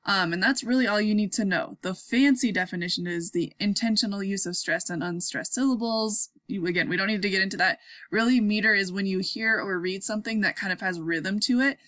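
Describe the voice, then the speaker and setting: Bright-voiced woman teaching a remote class. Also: mid-range voice, fairly quick, no room sound, studio quality. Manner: upbeat, chatty, checks in with "okay?" and "right?". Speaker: sixth-grade teacher. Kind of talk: casual remote lesson.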